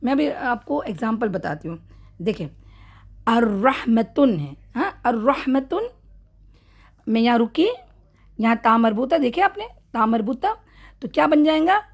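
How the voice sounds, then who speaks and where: In an informal online lesson on Quran recitation rules, a woman speaks with a fairly high, expressive voice that carries vocal fry. Explaining step by step, she frequently checks in with students, corrects her own slips, and slowly models elongated example words.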